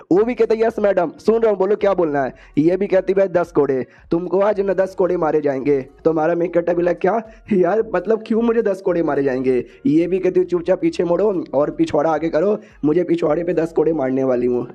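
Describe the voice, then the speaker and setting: A man's voice: on the high side, warm tone, lo-fi sound. A man narrating an anime story recap in a slangy, jokey way, voicing every character himself. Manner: slangy, jokey, repeats filler "yahan pe".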